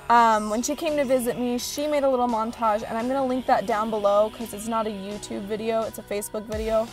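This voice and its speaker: A young woman with a Valley girl accent, chatting casually and upbeat to her vlog viewers, full of likes and ums. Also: fairly high pitch. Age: young adult. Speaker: vlogger.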